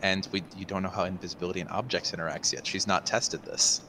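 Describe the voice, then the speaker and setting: A man's voice: deep voice, fairly even intonation, fast talker. A man casually narrating a tabletop game as game master, in a conversational and somewhat hesitant way. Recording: noisy room recording.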